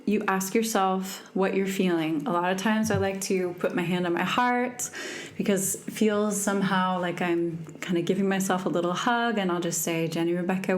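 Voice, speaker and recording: A young adult woman hosting a podcast, talking earnestly and reflectively about emotions in a casual way, often checking in with "right?". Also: medium pitch. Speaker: podcast host. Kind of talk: casual self-help talk.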